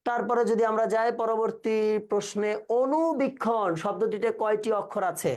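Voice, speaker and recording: A man's voice: sits high, normal speed, darkish tone. Male tutor quizzing students. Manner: quizzes students, repeats answers back, colloquial. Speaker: teacher. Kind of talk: exam-prep class reviewing questions.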